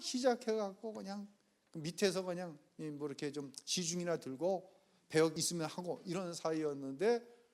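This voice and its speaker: A man preaching a sermon as pastor, telling a story and acting out the people's quoted lines with changing loudness. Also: on the high side. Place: church sanctuary.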